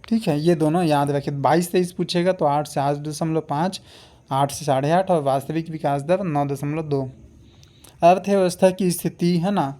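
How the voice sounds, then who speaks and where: Warm-voiced exam coach. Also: male voice, on the high side, fairly even intonation, moderate pace. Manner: addresses students as friends, repeats key facts, asks and answers questions. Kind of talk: exam prep lecture.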